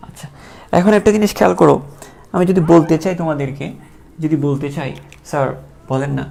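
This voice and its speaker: Gravelly male teacher quizzing his class. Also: a little high, fast, warm tone. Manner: chatty, asks questions and answers them himself. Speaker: biology teacher. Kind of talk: live online class lecture.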